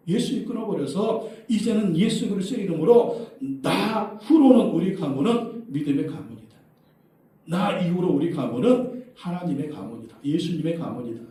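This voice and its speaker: Distant echoey preaching man. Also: fairly high pitch. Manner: preaching with shouted prayers and rhetorical questions. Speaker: pastor. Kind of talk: sermon. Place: church sanctuary. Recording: distant echoey church hall.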